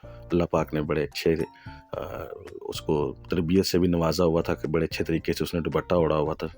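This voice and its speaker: A man's voice: very deep voice, flat delivery, darkish tone, faint music behind. A man telling a first-person true horror story in a conversational way, with fillers and asides.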